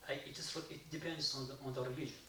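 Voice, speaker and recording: A man from Iraq who is not a native English speaker, asking the panel a halting question from the floor of a university hall. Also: mid-range voice, fairly even intonation, sharp tone. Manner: halting, many pauses and restarts. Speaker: audience member asking a question. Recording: echoey hall, far from the mic, faint noise.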